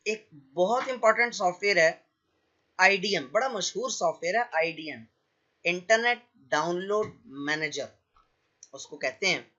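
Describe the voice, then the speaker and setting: A man with a fairly high voice teaches a computer lesson step by step. He explains patiently and often stops to check that the class is following. The sound is a little dull and lo-fi. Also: pushed and bright. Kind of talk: screen-share tutorial.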